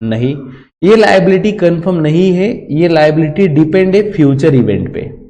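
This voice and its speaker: A man's voice: fairly high pitch, animated, moderate pace, warm tone. A man with an Indian English accent teaching a commerce lecture, explaining step by step and mixing English terms into Hindi. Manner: explains step by step and checks in with repeated "theek hai". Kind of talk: recorded lecture for students. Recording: long hall reverb.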